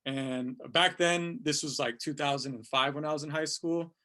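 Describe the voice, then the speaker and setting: Poet, male, 30s, from California, slightly high voice, unhurried verse reading. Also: steady tone, sharp tone. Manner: slow, deliberate reading of verse. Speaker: poet, featured writer. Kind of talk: casual talk and poetry reading.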